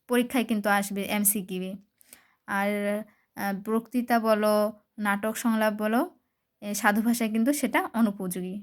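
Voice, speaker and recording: A woman tutor giving an exam-focused lesson, talking straight to her students and repeating key points with fillers. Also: on the high side. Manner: repetitive, addresses students directly, with fillers.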